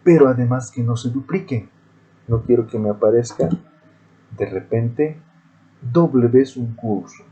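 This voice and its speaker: A man's voice: medium pitch, unhurried, pauses often, mellow, rough recording. A male teacher giving a screen-recorded programming lesson, explaining methodically step by step.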